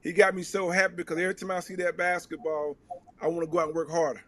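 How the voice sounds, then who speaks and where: A man's voice: on the high side, flat delivery, fast talker, a bit bright. A middle-aged man, a coach and father, talking earnestly in a casual talk show chat and often repeating words.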